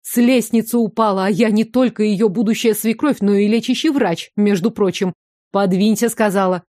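A brisk, teasing middle-aged doctor, grumbling fondly at her family while she works, as a woman narrator puts her on. Her voice is mellow and mid-pitched, heard close and dry, like a storybook audiobook. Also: fairly even intonation, no room sound, close to an everyday voice. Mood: bustling.

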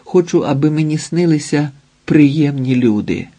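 A man's voice: on the high side, animated, unhurried, mellow, pitched above the performer's own voice. A man voicing a sleepy, grumpy young man who brushes others off, in an audiobook. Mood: dismissive. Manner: grumbling, dismissive.

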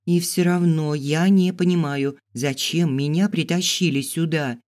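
A man's voice: fairly high pitch, fairly even intonation, a little slow, darkish tone, voice pushed up, close to an everyday voice. A man voicing a headstrong young heroine who speaks in an indignant, protesting way. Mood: bitter.

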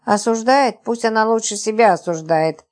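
A woman reading the part of a calm, matter-of-fact man giving advice. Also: a little high, moderate pace, natural voice. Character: calm composed man hiding under a bed.

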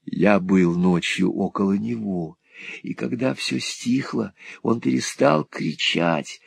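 A man voicing a frightened, timid young man in an audiobook, with a high, trembling, pleading voice. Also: slow pace, vocal fry, husky, exaggerated voice. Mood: haunted.

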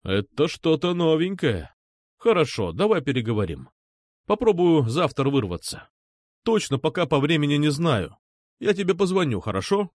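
A man voicing a serious, busy adult mentor who speaks in a measured, absent-minded way. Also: on the high side, very animated, dry recording, clean studio sound.

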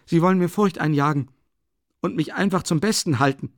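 Male reader doing a suspicious young student, high, agitated, restless delivery. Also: fairly quick, dry recording, clean studio sound, lightly acted. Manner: raised, agitated, accusing. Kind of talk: audiobook character voice.

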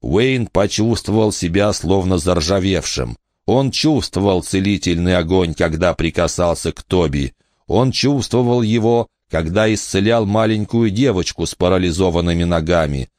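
A man narrating an audiobook in a steady, measured reading. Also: low voice, no room sound, studio quality.

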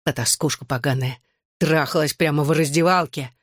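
A man voicing a drunk, violent father who growls his words slowly and heavily. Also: fairly high pitch, dry recording, studio quality, lightly acted. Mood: furious drunk. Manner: slow, heavy, snarling delivery.

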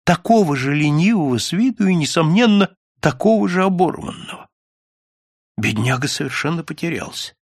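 A man narrating a classic story as an audiobook in an expressive, dramatic reading style. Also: a little high, moderate pace, slightly rough, no room sound, studio quality. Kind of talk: scripted literary narration.

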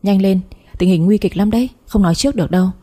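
Một người phụ nữ đọc truyện đóng vai một người đàn ông trung niên gọi điện từ bệnh viện, nói gấp gáp, dứt khoát, giọng khàn và trầm. Câu chữ nhanh, kiểu thông báo khẩn. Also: female voice, medium pitch, quick pace, warm tone, close to an everyday voice. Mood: urgent. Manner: urgent, businesslike. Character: brisk male hospital caller, middle-aged.

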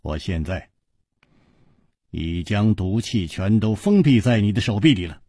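A man voicing a calm, courteous hero who speaks in a measured, formal way. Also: dry recording, studio quality. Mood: grave. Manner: measured, formal, low and grave.

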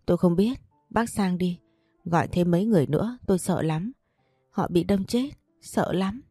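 A woman's voice: fairly low pitch, moderate pace, mellow, breathy edge, no room sound, studio quality, soft background music. A woman voicing a frightened older housemaid who cries out in panic, in a storybook reading.

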